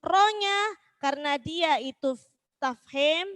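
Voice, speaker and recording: A woman with a Javanese accent leads a Quran recitation lesson, chanting each syllable slowly in a high voice. Between verses she explains pronunciation and invites listeners to recite with her. The recording is dry and close. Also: a bit bright, no room sound. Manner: slow, drawn-out chanting of verses, with quicker spoken explanations in between; asks listeners to repeat together.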